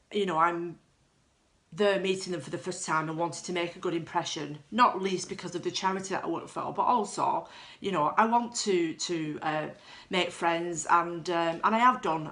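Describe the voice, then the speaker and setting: A woman's voice: on the low side, moderate pace, a bit bright. A middle-aged woman telling her own story in a candid, self-deprecating way, with frequent restarts. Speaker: client giving a testimonial. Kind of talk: personal testimonial storytelling.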